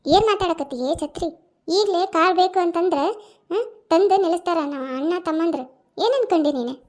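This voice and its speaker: A woman's voice: very high-pitched, fairly quick, a little mellow. A woman voicing a domineering, scolding mother-in-law in a cartoon, with a North Karnataka accent and a bossy, threatening manner. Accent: North Karnataka Kannada. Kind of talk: cartoon voice acting.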